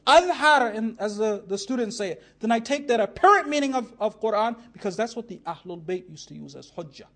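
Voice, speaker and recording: A man giving a religious lecture, moving from reasoning into an impassioned story, dropping soft for narration and rising when quoting. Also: high voice, lively intonation, fairly quick. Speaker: preacher.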